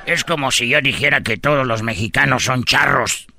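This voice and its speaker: A man voicing a joking Chinese character in a radio comedy sketch, breaking into sudden high shouts. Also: normal speed, vocal fry.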